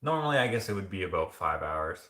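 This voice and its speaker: Male vlogger, low pitch with a bright, forceful tone, rambling casual live-stream chat full of fillers. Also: big pitch swings, fast talker, roomy sound. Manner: rambling, loose, with many fillers and restarts.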